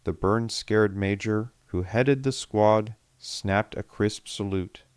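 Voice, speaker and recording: A man narrating an audiobook in a steady, measured storytelling manner. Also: fairly low pitch, smooth, no echo. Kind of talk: scripted narration.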